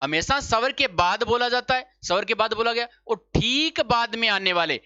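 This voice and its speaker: A male teacher drills a grammar lesson in a bright, forceful voice. He keeps asking questions and answering them himself, and he repeats each point before moving on. The sound is dry and a bit dull, as on a lo-fi recording. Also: high voice, no room sound. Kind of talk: exam-prep spelling lesson.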